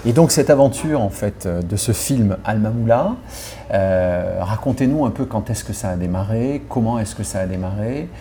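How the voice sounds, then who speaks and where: A man interviewing a guest, asking questions in a polite, formal, steady way. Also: on the low side, normal speed, a little hiss or hum.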